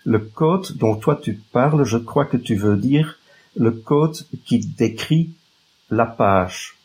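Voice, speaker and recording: A Flemish man from Belgium, a native Dutch speaker with a Flemish accent, explains things as an expert guest in an interview, often hunting for words. His mid-range voice is darkish and a bit breathy, with lively intonation and an unhurried pace.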